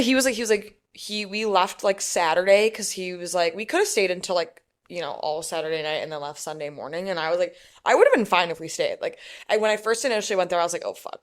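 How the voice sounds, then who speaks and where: A woman co-host rambles through a story in loose, casual chat. Her voice sits a little low, and she leans hard on "like" and drops swear words freely. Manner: rambling, swears often, lots of "like". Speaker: podcast co-host.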